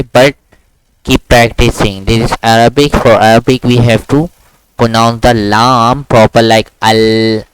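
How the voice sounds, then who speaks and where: A man teaching a Quran class online to a child, patiently repeating words slowly for the student to copy. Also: mid-range voice, a little hiss or hum, poor audio. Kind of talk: one-on-one online lesson.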